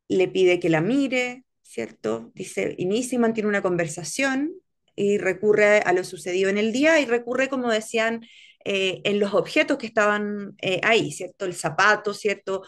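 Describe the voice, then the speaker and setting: A woman leading a teacher training workshop, explaining step by step and often checking in with her listeners. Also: medium pitch. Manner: explanatory, checks in with frequent "¿cierto?". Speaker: workshop instructor. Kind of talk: online teacher training lecture.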